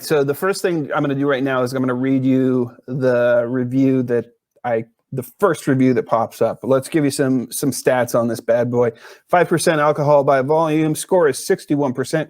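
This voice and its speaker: A man's voice: medium pitch, a little mellow, no echo. Rambling jokey man reviewing beer. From US Pacific Northwest. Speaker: podcast host reviewing beer. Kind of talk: casual solo beer review.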